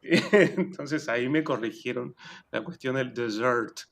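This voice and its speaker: A man's voice: medium pitch, normal speed, vocal fry. Man, mid-range voice, hesitant, many fillers, casual comment.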